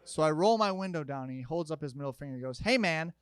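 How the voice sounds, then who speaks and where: Stand-up comic, young man, slightly high voice, energetic storyteller with sudden loud outbursts. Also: fast talker, smooth, no echo. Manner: animated storytelling, jumping to loud shouted bits. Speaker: stand-up comedian. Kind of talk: stand-up comedy set. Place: comedy stage with audience.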